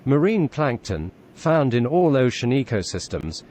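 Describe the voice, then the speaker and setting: A synthetic male text-to-speech voice with a British accent, reading text aloud in an even, measured way. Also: medium pitch, a little hiss or hum. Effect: synthetic text-to-speech computer voice.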